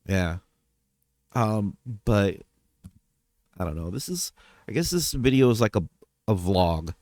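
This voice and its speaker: A man's voice: on the low side, expressive, slow pace, darkish tone, dry recording, clean studio sound. A man talking casually in a personal vlog update, rambling, trailing off and correcting himself as he goes. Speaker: vlogger.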